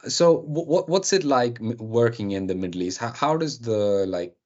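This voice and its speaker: A man's voice: medium pitch, expressive, normal speed, darkish tone, dull audio. A young adult man hosting an interview, asking questions with many fillers and restarts. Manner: hesitant, filler-heavy questions. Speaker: host.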